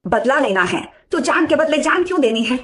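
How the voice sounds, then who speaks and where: A woman dubbing a shrewd young woman who calmly persuades the hero. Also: high voice, brisk. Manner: calm, persuasive. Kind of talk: dubbed drama acting.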